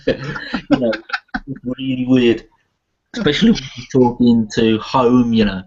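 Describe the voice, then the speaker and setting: A man's voice: mid-range voice, big pitch swings, measured pace, darkish tone, husky. A man chatting casually with friends, self-deprecating and laughing. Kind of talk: casual group chat. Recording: dull lo-fi sound.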